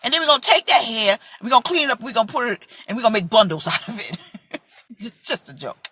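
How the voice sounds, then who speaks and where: A woman's voice: on the high side, animated, fast talker, sharp tone, slightly rough, no echo. A woman in her forties from Brooklyn, preaching in an impassioned, emphatic way and acting out voices in a vlog sermon. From Brooklyn, USA. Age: 40s.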